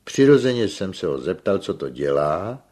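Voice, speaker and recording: A chatty, excitable café owner, voiced by a male storyteller, loud and raised well above the reader's low natural pitch. His storytelling rushes with eager emphasis. The pitch leaps around lively from phrase to phrase. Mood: excited.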